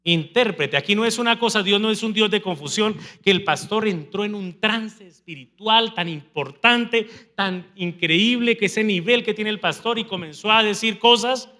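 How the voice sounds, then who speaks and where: Predicador de voz aguda y brillante. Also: male voice, high voice. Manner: preaches with call-and-response to the congregation; animated, mimics people speaking in tongues. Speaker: pastor. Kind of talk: sermon.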